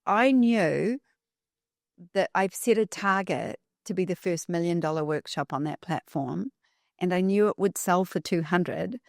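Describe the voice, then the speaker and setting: A woman's voice: lowish voice, a little slow, dry recording, clean studio sound. A woman guest on a podcast, telling stories emphatically and repeating key phrases for effect. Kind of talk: storytelling in an interview.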